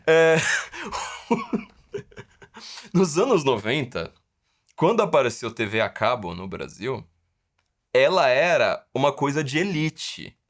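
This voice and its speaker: A man's voice: mid-range voice, big pitch swings. Sarcastic Brazilian man hosting a podcast. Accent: Brazilian Portuguese. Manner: sarcastic, mocking, drawn-out emphasis. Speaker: podcast host. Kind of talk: casual podcast commentary.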